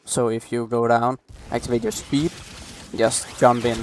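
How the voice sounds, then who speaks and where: Recorded close on a desk mic with slight background noise, a gameplay guide creator walks through a game build late at night in a steady, medium-pitched voice, a little slow. He's casual and rambly, apologizes, restarts repeatedly, and coughs.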